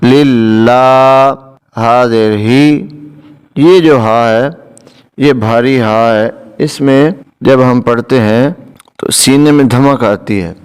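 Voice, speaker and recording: A man teaching recitation step by step, spelling out letters and vowel marks and then chanting each word slowly, with a Pakistani Urdu accent. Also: medium pitch, darkish tone, clear, resonant tone. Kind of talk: slow, step-by-step recitation lesson.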